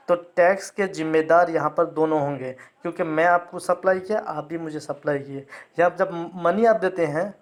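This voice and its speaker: A man teaching a tax lecture. He checks in with the class after almost every point, reads English phrases out slowly, word by word, and often stumbles and restarts his words. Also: high voice. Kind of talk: explanatory lecture.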